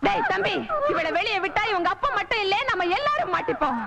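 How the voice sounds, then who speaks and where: A woman's voice: huge pitch swings, fast, exaggerated voice. An actress playing a harsh stepmother in a film. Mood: scolding. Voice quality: shrill, scolding. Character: harsh bullying village stepmother, woman. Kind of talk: 1990s film dialogue. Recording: noisy old film soundtrack.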